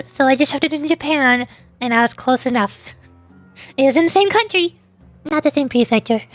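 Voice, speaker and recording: This high-pitched woman's voice comes through with no room sound as she, a VTuber streamer, casually chats with viewers over background music. Her talk is hesitant thinking aloud, with stammered repetitions and a little self-criticism.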